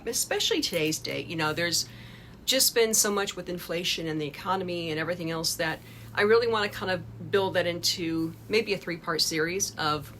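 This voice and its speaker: A woman's voice: lowish voice, fairly bright tone, a little hiss or hum. A woman chatting casually to camera about crochet, rambling with lots of fillers and restarts. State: a little out of breath. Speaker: crochet vlogger. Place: home in Japan.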